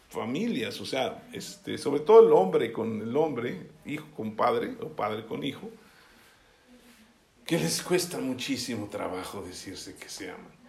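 A man's voice: high voice, creaky, darkish tone. A man preaching a sermon in a conversational way, often checking that listeners follow along. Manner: conversational, asks listeners for assent. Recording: echoey room.

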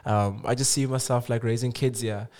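A man's voice: medium pitch, steady tone, moderate pace, darkish tone. A South African man hosting a podcast interview, speaking hesitantly with many ums and likes as he searches for words. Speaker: podcast host. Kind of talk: casual interview chat.

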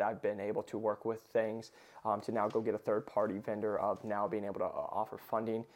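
Mellow male podcast host who says w for r. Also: on the low side. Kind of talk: upbeat podcast hosting, casual talk.

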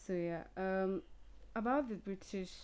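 A woman hosting a casual talk show, reading historical dates and then discussing them in a relaxed way. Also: mid-range voice, measured pace, clear, resonant tone. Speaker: host. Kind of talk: casual radio history chat.

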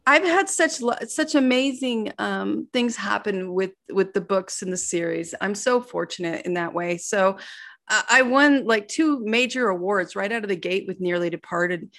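Animated woman telling stories in an interview. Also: medium pitch, normal speed. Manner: animated, self-deprecating storyteller who acts out quoted dialogue. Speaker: author guest. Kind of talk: casual interview storytelling.

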